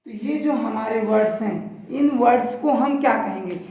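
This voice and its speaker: A woman teaching an English grammar lesson, explaining slowly and repeating each point while pointing at a board. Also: on the high side, dark tone. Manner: slow, repetitive explaining at a board. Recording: very echoey, distant, dull lo-fi room.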